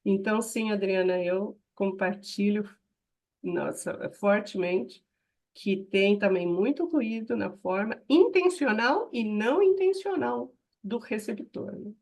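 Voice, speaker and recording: A woman hosting a conversational podcast, who reads out viewer comments and adds her own lively remarks. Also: mid-range voice, slow pace. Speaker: podcast host. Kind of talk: conversational interview.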